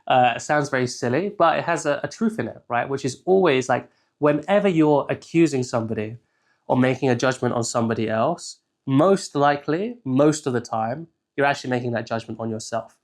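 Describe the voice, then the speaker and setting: A young man from England talks through ideas as a coach in a relaxed, unscripted solo talk. His voice sits at an ordinary middle pitch, and he keeps checking in with his listener after almost every point. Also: fairly quick. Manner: conversational, keeps checking in with "right?". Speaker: life coach. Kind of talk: casual solo teaching talk.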